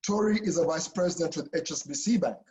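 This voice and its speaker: Speaking quickly in a high, darkish voice, this man from Kenya is a professor giving an informal online info session. He keeps restarting and asking "okay?", and the audio quality is rough.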